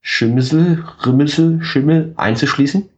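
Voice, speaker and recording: A man's voice: on the high side, normal speed. A man from Switzerland co-hosting a history podcast, bantering with playful, dramatic teasing. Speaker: podcast co-host. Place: hotel in Thailand. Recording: lo-fi remote call audio.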